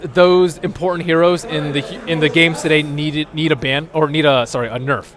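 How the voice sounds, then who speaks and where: Dude breaking down the game with his co-host, easygoing, runs through points one after another, kinda high voice. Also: fairly even intonation, moderate pace, a crowd in the background. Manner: conversational, agreeable, lists points in runs. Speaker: esports analyst co-host. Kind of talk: casual post-game desk analysis.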